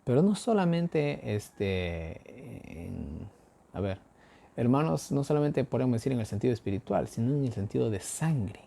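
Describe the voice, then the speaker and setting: A man's voice: mid-range voice, big pitch swings, unhurried, creaky, mellow. A man with an Ecuadorian accent teaching a daily Bible study, posing rhetorical questions and answering them himself in a folksy way, with everyday examples.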